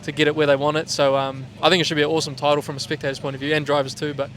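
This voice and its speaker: A man's voice: fairly high pitch, level tone, racing, a bit bright. A man with a broad Kiwi accent chatting casually and in a laid-back, slangy way as a driver being interviewed. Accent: New Zealand. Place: outdoors at a speedway. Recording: outdoor trackside with vehicle noise.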